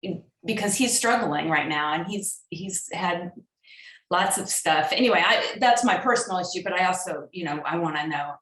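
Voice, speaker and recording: A woman in her forties joins a video call, speaking haltingly with plenty of "um"s and "you know"s. Her voice is lowish for a woman and sounds far from the mic, in an echoey room. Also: lively intonation, a bit bright. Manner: hesitant, many fillers and restarts. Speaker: workshop participant. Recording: roomy, distant call audio.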